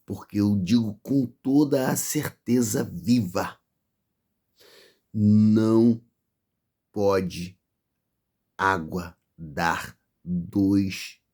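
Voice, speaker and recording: A Brazilian man preaches in a low, dark and husky voice. He speaks slowly and warns his listeners with fervour, stacking phrase on phrase. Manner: fervent, warning, piles up repeated phrases. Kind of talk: sermon.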